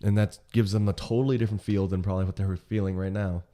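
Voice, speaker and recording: Male co-host, low warm voice, agreeable and a bit hesitant. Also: level tone, quick pace. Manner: agreeable, brief interjections and hesitant restarts. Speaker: podcast co-host. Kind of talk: casual podcast discussion.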